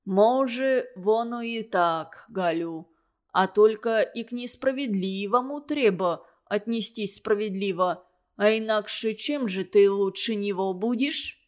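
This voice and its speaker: A woman's voice: medium pitch, slow pace, natural voice. A woman voicing a stern but kind older caretaker in an audiobook, scolding in folksy speech with Ukrainian words. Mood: admonishing. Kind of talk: audiobook character voice.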